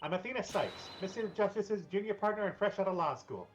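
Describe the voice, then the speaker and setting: Fresh-out-of-school young female lawyer, eager and lively, voiced by a man. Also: high voice, a little fast, music in the background, pitched above the performer's own voice, poor audio.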